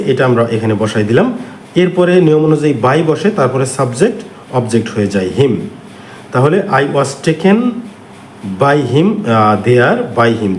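A man with a Bangladeshi accent, teaching English grammar by walking through exam answers step by step with frequent filler pauses. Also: mid-range voice, a little mellow. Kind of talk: exam question walkthrough lesson. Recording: echoey room with faint ambient noise.

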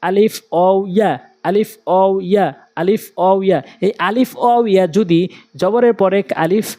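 A man with a Bangladeshi Bengali accent teaching Quran recitation, drilling syllables slowly and stretching the vowels. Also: high voice, dark tone. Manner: quick, plain explanations with many fillers. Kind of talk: step-by-step recitation lesson.

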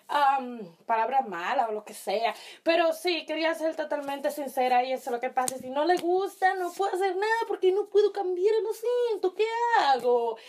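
Sitting high in pitch and a little mellow, this young woman's voice comes from a small bedroom strung with lights. Born in the Dominican Republic and raised in Italy, with Italian as her first language, she vlogs in Spanish with a Dominican accent touched by Italian, giving her casual opinions to camera and frequently stopping to search for words.

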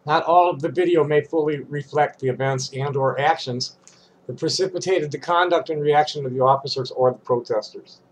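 In a small, cluttered room, an older man who vlogs reads out a statement and adds offhand comments, his voice congested and stuffy. It sits a little high at normal speed, and the poor-quality audio has slight background noise.

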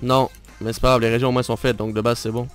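A man's voice: mid-range voice, little pitch movement, fast talker, faint music behind. Québécois man hosting a live game stream. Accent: Québécois French. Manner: teasing, bantering, talks straight to viewers. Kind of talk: casual live gameplay commentary.

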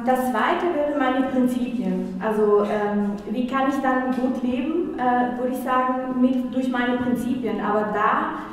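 Halting woman from Ecuador, echoey hall. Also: on the high side. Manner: halting, searching for words. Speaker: panel guest. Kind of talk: panel talk. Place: small room with panel audience. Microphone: handheld mic, far camera. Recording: echoey hall from far off, faint noise.

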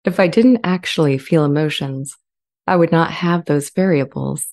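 A home-studio recording, made close on a large condenser with a pop filter, features a woman reading a scripted dramatized transcript. In a low voice she portrays an earnest, gentle, female-voiced sentient AI, speaking calmly with measured, deliberate pacing.

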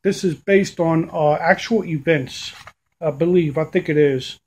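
A man in his thirties, a DVD collector vlogger, casually shows off his finds from a small room at home in a webcam video update. His voice is on the high side, unhurried and a little mellow, and he rambles with frequent fillers and self-corrections.

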